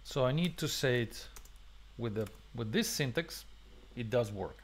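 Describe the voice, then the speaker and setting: Working through a live coding demo, a programming instructor hosting a webinar thinks out loud, filling his speech with fillers, restarts and non-native phrasing. He speaks in an animated, mid-range voice at an unhurried pace.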